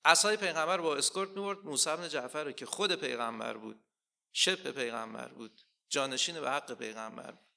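A man preaching a sermon, asking rhetorical questions and slowly quoting scripture with rising emphasis. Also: medium pitch, vocal fry, sharp tone.

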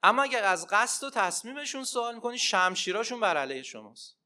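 A man preaching a religious sermon and telling stories, swinging between loud emphatic cries and hushed asides. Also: high-pitched, sing-song. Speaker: preacher and Arabic teacher.

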